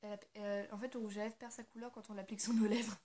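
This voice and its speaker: A woman's voice: mid-range voice, flat delivery, quick pace, mellow. A teenage girl chatting casually in a makeup vlog, giggly and full of fillers. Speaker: beauty vlogger.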